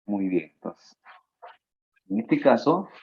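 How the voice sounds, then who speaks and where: Slow, low-voiced male teacher. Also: sing-song, slightly rough, lo-fi sound. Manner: slow, drawn-out words, playful asides to the listener. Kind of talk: spelling lesson talking to students.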